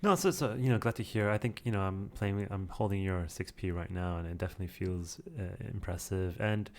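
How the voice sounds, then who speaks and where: Host, male, deep and fast, casual questions, steers the talk. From Australia. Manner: quick, asks questions, steers the conversation. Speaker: podcast co-host. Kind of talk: casual tech chat.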